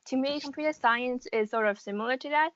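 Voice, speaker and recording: A young American college student, around 18 to 19, gives casual interview answers, informal and often hedging as she explains. Her voice sits high, fairly quick and a bit bright. The audio is dull, with no room sound.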